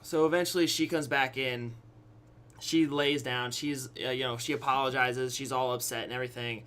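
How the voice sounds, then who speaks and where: Smooth and fairly even in intonation, this young adult man's bright, punchy voice sits in an ordinary male middle range. He's a YouTube storyteller sharing a candid tale casually, performing bits of dialogue, adding dramatic pauses and regularly addressing his audience.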